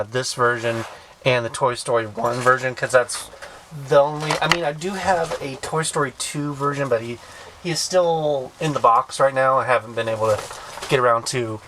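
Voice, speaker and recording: A man casually reviewing a toy, thinking aloud with halting restarts. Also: medium pitch, fairly bright tone, a little hiss or hum, poor audio. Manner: hesitant, many fillers and restarts, thinking aloud.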